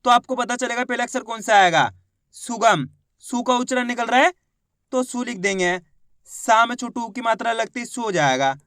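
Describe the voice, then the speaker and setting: A woman teaching how to read and write Hindi words, sounding each one out slowly and repeating it. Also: on the high side, fairly bright tone, no room sound, clean studio sound. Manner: slow, repeats each word twice, asks the viewer questions. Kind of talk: spelling lesson.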